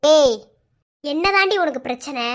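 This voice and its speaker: A woman's voice: sits high, animated, moderate pace, heavy background noise, voice pushed down. A woman voicing an exasperated young husband and father who scolds and pleads in a cartoon story. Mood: angry. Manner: scolding, pleading, repeats demands. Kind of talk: Tamil cartoon story voice acting.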